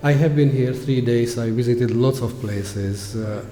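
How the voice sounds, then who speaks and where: A man's voice: medium pitch, a little slow, mellow, echoey room, big-room sound, a little hiss or hum. A man from Hungary chatting casually as a traveling vlogger, in a plain, hesitant way. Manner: hesitant, simple phrasing. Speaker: vlogger, tourist. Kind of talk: casual chat. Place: large echoey church and museum.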